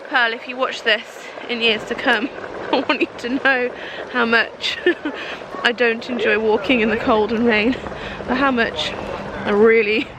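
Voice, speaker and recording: A woman's voice: on the high side, fairly even intonation, a little slow, background noise. A young woman, heavily pregnant and out of breath, chatting on camera in a giggly, self-mocking way. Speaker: vlogger. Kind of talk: casual vlog chat. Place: outdoors on a rainy walk and at home.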